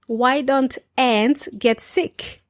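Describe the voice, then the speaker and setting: A woman with a fairly high voice is telling a joke in a close, dry recording. She hosts an English-learning podcast and sets the joke up slowly and playfully, as question and punchline. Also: steady tone, dry recording. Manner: playful question-and-punchline delivery, slowing on the setup. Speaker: podcast host and English teacher.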